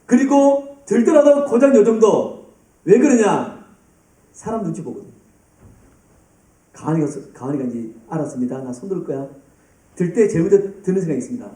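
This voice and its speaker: Male youth pastor, lively sermon, dark mellow tone, echoey church hall from a distance. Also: high voice, moderate pace, long pauses. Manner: lively, addresses students by name and acts out scenes.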